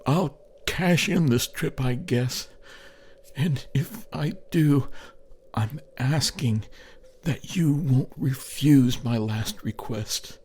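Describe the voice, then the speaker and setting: A man voicing a freezing, dying gold prospector in a poem, pleading fearfully in a strained, breathy moan. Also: mid-range voice, slow, a little mellow, a little hiss or hum, voice pushed up, natural voice. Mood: weary pleading. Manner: moaning, pleading.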